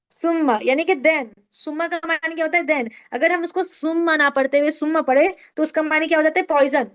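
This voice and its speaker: Woman, recitation teacher, high voice, quizzing students, slow syllable drills. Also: a bit bright. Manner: drills syllables slowly, asks students questions. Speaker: Tajweed teacher. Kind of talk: online class instruction.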